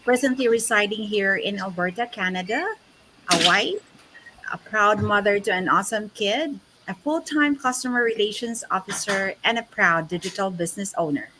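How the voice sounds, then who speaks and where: A woman from the Philippines introducing herself in a brisk, cheerful list. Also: mid-range voice, background noise. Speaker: panelist.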